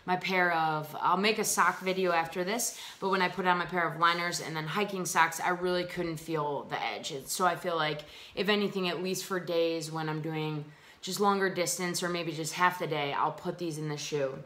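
A young adult woman from the United States reviews hiking gear in a casual, upbeat vlog, chatting with frequent ums. Her voice is on the low side, steady and a bit bright, at normal speed. She sits at a table in a small indoor room, recorded on a laptop camera mic.

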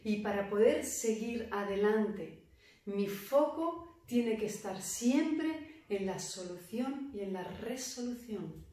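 Meditation teacher, woman, calm and deliberate, voice distant in a very echoey room. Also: medium pitch. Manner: calm, measured, speaks with slow emphatic pauses. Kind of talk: guided meditation talk. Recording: very echoey room, voice far from mic.

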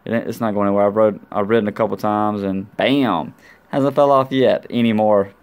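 A motorcycle vlogger shows off his gear in a casual, hands-on tutorial, speaking slightly fast. His voice is fairly low, darkish, clear and resonant with fairly even intonation, and he uses colloquial language and playful sound effects.

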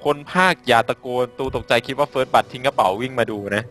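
A man's voice: mid-range voice, steady tone, fast talker, a bit bright, faint music behind. A man casually commentating a live game broadcast, teasing his co-host with jokes. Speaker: esports commentator.

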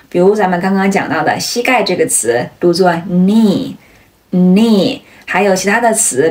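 A woman teaching English vocabulary, who explains step by step and says each word slowly several times over. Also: medium pitch. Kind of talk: vocabulary lesson.

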